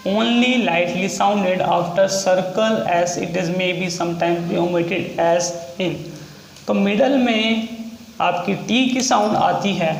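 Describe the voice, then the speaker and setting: Guy teaching shorthand, high gravelly voice, says each word over and over. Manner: repetitive, spells words out slowly for learners. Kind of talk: classroom lesson. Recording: echoey room with faint noise.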